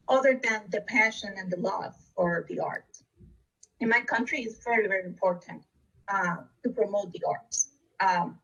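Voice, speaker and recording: Husky-voiced woman presenting. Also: mid-range voice, fairly bright tone, far from the mic, rough recording. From Costa Rica. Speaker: district education leader. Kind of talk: recorded webinar presentation.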